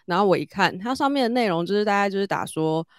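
A woman, telling a story in casual chat and growing animated as she goes. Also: fast talker, dry recording, clean studio sound. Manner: animated, rises high when excited.

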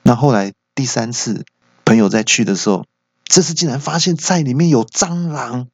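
A man's voice: mid-range voice, moderate pace, breathy edge, dry recording. A man hosting a podcast, telling jokes as an easygoing comic story. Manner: easygoing joke-telling narration. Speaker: podcast host.

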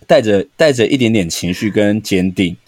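A man, a teacher co-hosting a podcast, chatting in an animated, teasing way and acting out lines. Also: on the low side, normal speed, dry recording, clean studio sound. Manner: animated, acts out lines to tease. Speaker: podcast co-host who teaches students. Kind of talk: casual chat.

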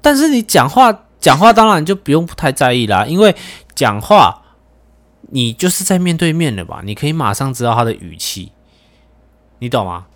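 A young man hosting a casual podcast chat, animated and teasing, swearing casually. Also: on the high side, moderate pace. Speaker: podcast host.

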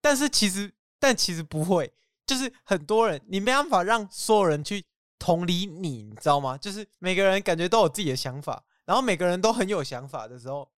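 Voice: mid-range voice, expressive, fairly quick, no room sound, studio quality. A podcast co-host in casual chat, dropping in joking quips and reflective comments. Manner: joking interjections, then reflective remarks.

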